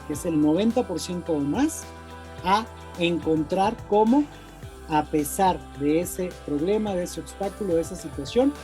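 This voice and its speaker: A Mexican man giving a lively, colloquial motivational talk, acting out voices of the mind and a friend. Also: high-pitched. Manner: animated, colloquial, acts out inner voices. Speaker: speaker.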